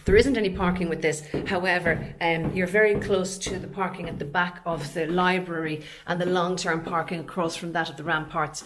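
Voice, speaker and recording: In an empty commercial unit of large bare rooms, with background noise, an Irish estate agent in her forties talks informally as she walks, chatty and explanatory. Her voice is on the low side and steady in tone, with a moderate pace and few pauses.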